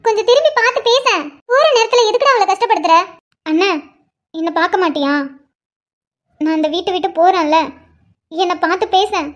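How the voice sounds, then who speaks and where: A woman's voice: very high voice, brisk, long pauses. A woman voicing a tearful young bride who pleads and says a tender goodbye to her brother in a cartoon. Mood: pleading. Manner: pleading, affectionate. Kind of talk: Tamil cartoon voice acting.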